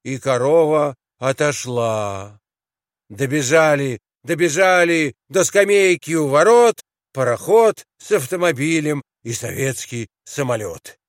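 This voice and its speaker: A man's voice: a little high, animated, unhurried, no room sound, clean studio sound. A man reading a children's poem aloud in a rhythmic, sing-song cadence. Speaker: reader.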